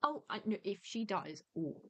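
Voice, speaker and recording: A woman's voice: medium pitch, sing-song, moderate pace, sharp tone. A woman chatting casually as a player in a tabletop game, with reactive, exclamatory interjections. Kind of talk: casual chat.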